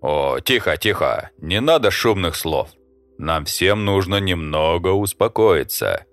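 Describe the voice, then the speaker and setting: A man's voice: sits low, big pitch swings, slow, a bit bright, no echo, heavily acted. A man reading an audiobook, voicing a brash, greedy, rude alien trader who keeps drawling "eh". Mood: placating. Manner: drawling, interjecting "eh", cheeky. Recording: dry close mic, faint music.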